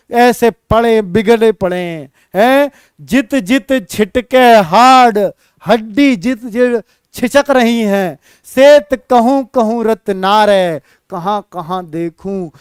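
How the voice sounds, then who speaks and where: A man teaching a Hindi exam-prep lesson, reciting verse lines slowly and then explaining them, often calling his students "beta". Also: sits high, clean tone, no room sound, clean studio sound.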